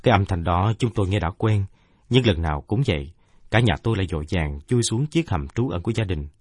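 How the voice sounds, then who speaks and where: A man tells a first-person story in a steady, measured manner. His voice is low and husky. It comes across close and dry, with no room sound. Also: no echo. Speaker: narrator. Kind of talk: first-person audiobook narration.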